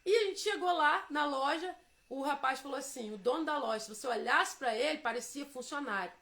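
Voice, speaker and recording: A Brazilian woman with a high-pitched voice shares a devotional testimony. She tells her story emphatically and acts out each quoted line as she goes. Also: fairly quick, fairly bright tone.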